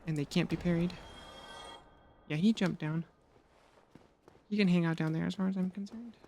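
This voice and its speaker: A streamer narrating a game run in a loose, chatty way, cracking jokes and swearing now and then. The voice sits at an ordinary middle pitch. Everything is aimed at the chat watching live. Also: normal speed, a little mellow, slight background noise. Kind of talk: casual gameplay commentary.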